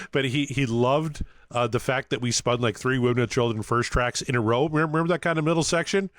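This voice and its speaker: A man co-hosting a podcast, speaking at an ordinary pitch in a relaxed, friendly way. He addresses listeners with earnest, warm-hearted shout-outs. The sound is dry and close-miked. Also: fast, few pauses, no echo. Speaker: podcast co-host. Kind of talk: casual podcast chat.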